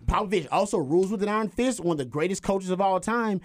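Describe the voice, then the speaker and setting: Guy doing casual sports commentary, voice a bit high, keeps repeating and restarting phrases for emphasis, dry sound. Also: quick pace, dry recording. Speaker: sports podcast host.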